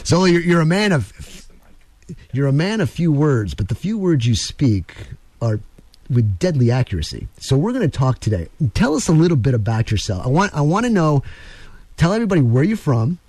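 A man's voice: on the high side, sing-song, brisk, darkish tone, no echo. Jokey, rambling male radio talk-show host. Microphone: studio microphone.

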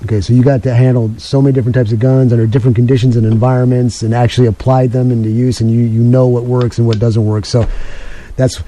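A man hosting a call-in radio show, talking in a quick, chatty, rambling way and taking callers. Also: mid-range voice, level tone, dark tone.

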